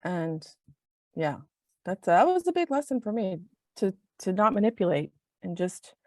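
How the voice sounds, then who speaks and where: A woman's voice: medium pitch, moderate pace, no room sound. A woman talking casually in a group conversation, telling stories with lots of giggling. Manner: giggly, animated storytelling. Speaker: guest.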